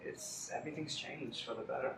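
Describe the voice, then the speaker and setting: A man's voice: medium pitch, fairly even intonation, brisk, vocal fry, heavy background noise. Man from Puerto Rico, roomy outdoor sound. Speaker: salsa singer, guest. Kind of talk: casual interview. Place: outdoors in the city.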